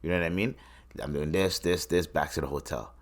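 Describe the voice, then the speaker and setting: A Tanzanian man hosts a casual solo podcast, his rumbling low voice moving fairly quickly as he rambles and swears between points.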